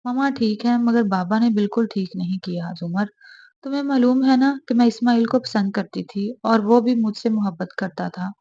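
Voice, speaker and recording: A woman's voice: fairly high pitch, normal speed, mellow, lo-fi sound. A woman voicing a tearful, bitter young older sister in a storybook reading.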